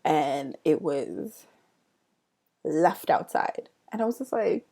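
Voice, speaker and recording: A young woman vlogger casually telling a story, animated, acting out quoted lines with laughter. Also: deep voice, slow, vocal fry.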